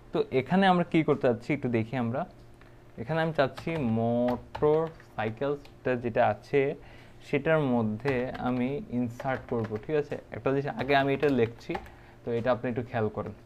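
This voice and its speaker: A man's voice: medium pitch, darkish tone, muffled recording, slight background noise. A man giving a casual programming tutorial, thinking aloud with many fillers and checks. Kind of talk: casual screen-recorded coding tutorial.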